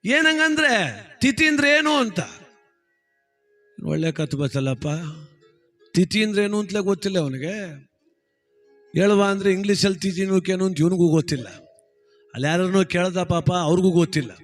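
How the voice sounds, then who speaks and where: High-voiced comic storyteller. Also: male voice, a little fast, long pauses, a little mellow, faint music behind. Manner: chatty, teasing asides. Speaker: comedy storyteller. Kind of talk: folk comedy storytelling.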